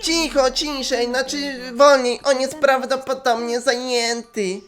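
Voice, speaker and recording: A man voicing a gentle schoolgirl who calms her friend in a soft, motherly tone, for a game dub. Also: very high-pitched, measured pace, pitched above the performer's own voice. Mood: soothing.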